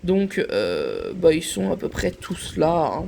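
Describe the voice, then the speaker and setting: A woman's voice: low-pitched, huge pitch swings, takes it slowly, vocal fry, warm tone, slight background noise. A woman chatting casually in a show-and-tell vlog, filling her talk with little asides. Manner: chatty, many fillers and little "hop" and "voilà" asides. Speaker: collector showing her items.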